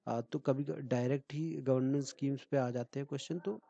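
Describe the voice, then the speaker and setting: A man's voice: medium pitch, fairly even intonation, fairly quick, vocal fry, dark tone, muffled recording. A man tutoring exam candidates in a casual, chatty lecture, full of fillers and frequent "okay" check-ins.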